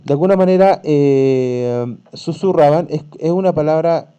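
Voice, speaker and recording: A man leads an online lesson, patient and repetitive as he explains a text to his students. His voice is very dark and mellow. The audio sounds dull and lo-fi. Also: on the high side, unhurried, clean tone. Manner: patient, repeats "¿cierto?" and "¿ya?" often. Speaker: teacher.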